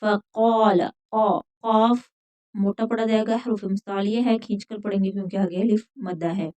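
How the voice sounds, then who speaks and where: A woman teaching Quran recitation, slowly explaining how each letter is sounded. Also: mid-range voice, steady tone, mellow, dry recording. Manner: slow drawn-out chanting recitation. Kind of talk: slow, careful recitation lesson.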